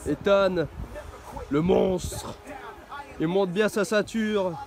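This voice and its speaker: A man calling a wrestling match play-by-play, excitable and bursting into shouted exclamations. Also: sits high, very slow, vocal fry, noisy background. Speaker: wrestling commentator.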